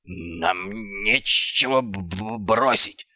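A man's voice: on the low side, lively intonation, moderate pace, sharp tone, no echo, clean studio sound. A man voicing a city watchman who is freezing, stammering and shivering with cold.

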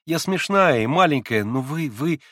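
A man reading an audiobook, voicing an emotional, shy and teasing teenage girl who swings quickly between moods. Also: fairly high pitch, lively intonation, a bit bright, no echo, studio quality, pitched above the performer's own voice. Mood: agitated.

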